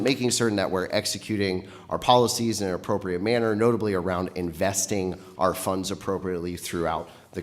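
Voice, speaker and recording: A man presenting a year-end update to a county board, slightly out of breath from a cold, earnest and upbeat with frequent fillers. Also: on the low side. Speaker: county transit executive director presenting. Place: public meeting room.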